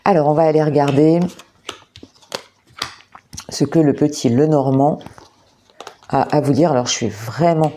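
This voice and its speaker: A woman giving a monthly astrology card reading, talking gently and hesitantly with many repeated words and fillers, indoors under artificial light. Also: deep voice, unhurried, long pauses, a little hiss or hum. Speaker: tarot and oracle card reader.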